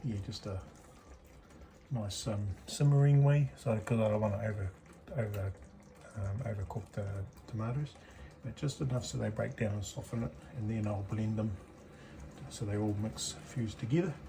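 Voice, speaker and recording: A man's voice: fairly low pitch, moderate pace, gravelly, mellow, slight background noise. A man with a New Zealand accent giving a casual, hesitant cooking demonstration at home, thinking aloud as he works. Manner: informal, hesitant, thinking aloud while working. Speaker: home cook presenting a cooking video. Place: home kitchen.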